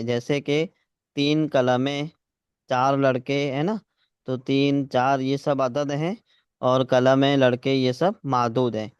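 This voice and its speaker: A man's voice: mid-range voice, darkish tone, smooth, dry recording, studio quality. A man teaching Arabic grammar. He repeats key words for his students. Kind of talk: classroom lesson, explaining grammar.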